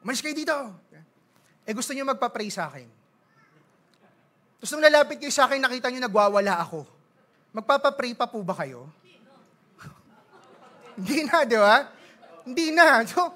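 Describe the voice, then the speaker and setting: High bright Filipino pastor preaching. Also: male voice, expressive. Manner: mixes Tagalog and English, reads scripture slowly, jokes with the congregation. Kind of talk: sermon. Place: church service.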